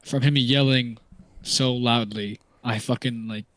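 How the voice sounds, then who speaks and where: A man's voice: medium pitch, steady tone, unhurried, fairly bright tone, no echo. A man playing a tabletop game, talking casually and swearing freely. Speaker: player.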